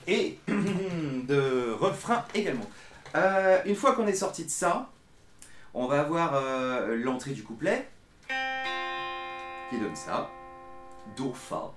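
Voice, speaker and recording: A man giving a casual guitar lesson in a small room, talking in a relaxed way and counting beats aloud. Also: fairly high pitch, slow, long pauses, reverberant. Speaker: guitar teacher. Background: electric guitar playing.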